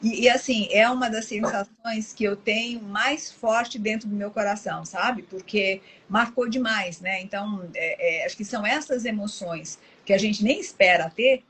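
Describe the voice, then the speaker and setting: A woman's voice: medium pitch, moderate pace, few pauses, fairly bright tone, a little hiss or hum. A woman chatting casually and reflectively, often ending sentences with a questioning tag. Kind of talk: casual chat.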